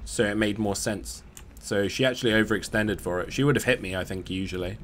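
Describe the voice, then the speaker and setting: A man's voice: on the low side, a little fast, a bit bright, slight background noise. A man streaming a game, chatting playfully and explaining his choices. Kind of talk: casual gameplay commentary.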